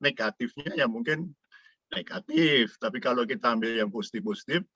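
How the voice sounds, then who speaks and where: A man casually sharing an experience in a discussion, animated and chatty. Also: medium pitch, moderate pace, husky, no echo, dull audio. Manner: animated storytelling with rising exclamations.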